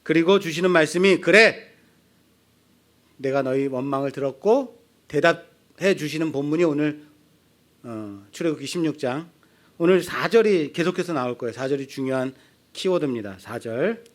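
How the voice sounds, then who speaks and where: Guy pastor preaching, high voice that leaps all over, acts out the people he quotes. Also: lively intonation, normal speed, pauses often. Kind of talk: sermon.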